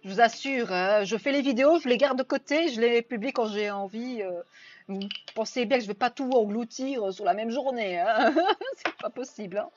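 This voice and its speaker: On a casual live stream, a Belgian woman with a Belgian French accent reads viewer comments aloud and answers them. Her voice sits on the high side at a moderate pace, and the dull lo-fi sound carries faint music.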